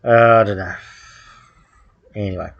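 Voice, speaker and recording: A man, delivering a rambling solo monologue at home, halting with frequent ums and restarts and dry sardonic asides. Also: on the low side, fairly even intonation, gravelly, muffled recording. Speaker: podcast host.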